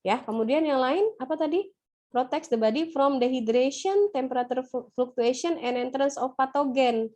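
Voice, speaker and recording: A woman teaching nursing students over a video call, and her voice sits a little high for a woman. She keeps asking the class questions in a brisk, playful way. The sound comes through a laptop microphone. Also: dark tone. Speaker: nursing lecturer. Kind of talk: online class lecture. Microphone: laptop or webcam mic on a video call.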